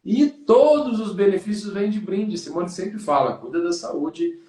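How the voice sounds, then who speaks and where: A man's voice: high-pitched, animated, measured pace, warm tone, echoey room, far from the mic. A man with a Brazilian Portuguese accent, a podcast host and running coach, chatting casually in a motivational, encouraging way. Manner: motivational, addresses listener as "cara".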